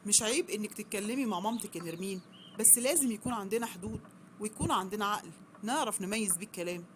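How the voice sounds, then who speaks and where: Woman reader doing a young Egyptian husband, polite, firm, quick, faint hiss. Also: mid-range voice, lightly acted. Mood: defensive. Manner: polite, defensive.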